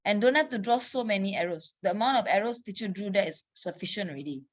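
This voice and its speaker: A woman chemistry teacher running an online revision class, quizzing students briskly and saying "okay" often. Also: mid-range voice, animated.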